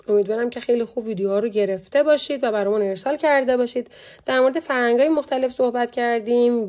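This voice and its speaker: A woman teaching a language online, her voice fairly high yet mellow. She walks through a vocabulary list, repeating each word and its meaning. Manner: explains slowly, repeating words and translations. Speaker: Turkish teacher.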